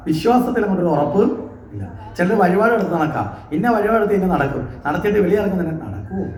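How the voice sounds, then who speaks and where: A man's voice: high-pitched, lively intonation, fast, a little mellow, reverberant. A man giving a devotional scripture discourse at a temple, often asking the listeners questions and answering them himself. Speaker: religious discourse speaker. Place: temple hall.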